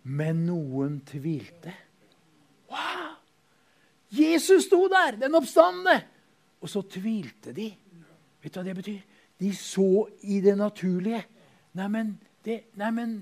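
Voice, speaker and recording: Fervent high-voiced preacher. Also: male voice. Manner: fervent, exclaims hallelujah, swings from loud to hushed. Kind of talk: revival sermon.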